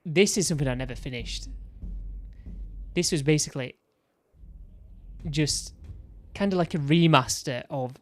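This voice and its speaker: Pitched fairly high, a man streams a game and talks casually through his own builds at a measured pace, leaving long pauses. His voice is going, and he rambles and interrupts himself as he goes.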